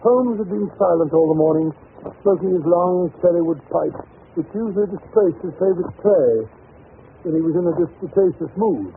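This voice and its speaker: High-pitched, creaky English Doctor Watson. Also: male voice, lively intonation, moderate pace. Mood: reminiscent. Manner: avuncular, reminiscing, mildly hesitant. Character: genial, patient male doctor, detective's loyal companion. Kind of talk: vintage radio drama narration and dialogue. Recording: muffled, noisy vintage radio recording.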